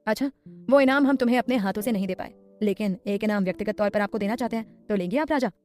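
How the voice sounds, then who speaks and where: A woman voicing an intense, protective adult man in an audiobook, calm, tender and firm. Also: mid-range voice, fast talker, soft background music, close to an everyday voice. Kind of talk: audiobook character voice.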